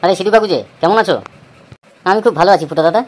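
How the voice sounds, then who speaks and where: Cartoon village strongman, male, woman voicing him, stern, commanding, lowered voice, fast talk. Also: close to an everyday voice. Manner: commanding, clipped orders. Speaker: voice actor. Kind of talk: cartoon voice acting.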